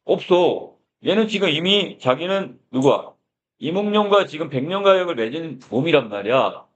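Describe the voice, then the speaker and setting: A man's voice: a little high, lively intonation, normal speed, highs cut off. A male middle school Korean teacher giving a literature lecture, opening his points with "자," and asking his students questions. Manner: explains with many "자," prompts and questions to students.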